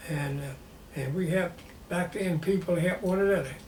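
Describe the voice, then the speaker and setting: An old war veteran in his nineties with a Southern US accent remembers his life in a plainspoken, halting way during an interview. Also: high voice, a little mellow. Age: 90s. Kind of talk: personal reminiscence in an interview. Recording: roomy echo with faint background noise.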